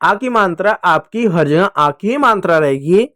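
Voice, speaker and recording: Male teacher, high voice, dry close sound, patient children's phonics lesson. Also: expressive, a little slow, a bit bright, no echo. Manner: patient, repeats and asks pupils questions.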